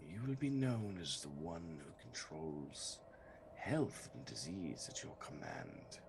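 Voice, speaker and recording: A man voicing a sickly sweet, seductive queen of pox and rot in a soft, breathy ASMR role-play. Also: sits low, big pitch swings, takes it slowly, background noise, heavily acted. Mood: sweetly tempting.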